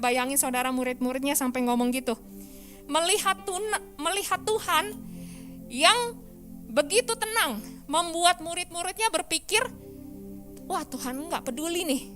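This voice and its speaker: A woman pastor giving a lively sermon in church, often asking the congregation questions. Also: high-pitched.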